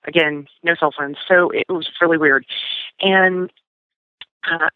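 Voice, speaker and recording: A woman's voice: deep voice, fairly even intonation, unhurried, dry recording. A woman casually recounting a personal experience as a guest, talking with many fillers and restarts. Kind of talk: casual storytelling. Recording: tinny phone line, dry.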